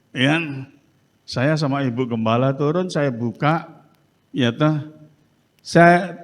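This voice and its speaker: A male pastor, telling a testimony in a sermon with animated storytelling and frequent "ya" tags. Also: a little high. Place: church sanctuary. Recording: reverberant church hall.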